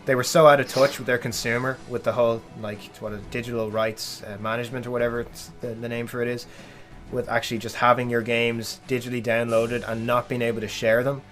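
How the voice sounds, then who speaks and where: A man hosting a podcast in casual gaming chat, giving firm opinions and quick agreement. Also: medium pitch, little pitch movement, fairly bright tone, soft background music. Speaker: podcast host.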